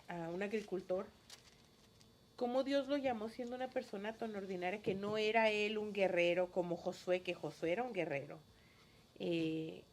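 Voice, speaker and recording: A woman's voice: medium pitch, slight background noise. A woman and schoolteacher leading a Bible study, sharing a personal story in an earnest, emotional way. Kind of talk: casual testimony in a Bible study.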